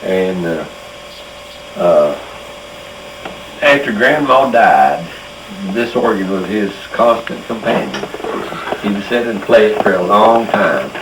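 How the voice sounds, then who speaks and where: An older man with a fairly low voice reminisces slowly, pausing and restarting as he tells a story. The recording is roomy and echoey, with steady background noise. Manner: slow, halting, emotional storytelling. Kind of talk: casual reminiscing.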